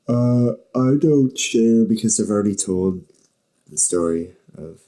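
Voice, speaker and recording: A man hosts a podcast from his bedroom, chatting casually, rambling, joking and swearing freely. His voice is fairly low and dark in tone, and he keeps a measured pace.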